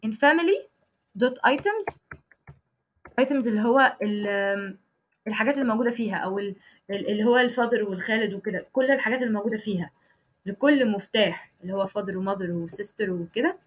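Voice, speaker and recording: A woman's voice: medium pitch, expressive, brisk. A young woman with an Egyptian Arabic accent teaching a live online programming class. She explains each step, often stops to check that students follow, and corrects herself mid-sentence as she types. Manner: frequent restarts and self-corrections while typing code. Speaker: programming instructor. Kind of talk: live online coding lesson.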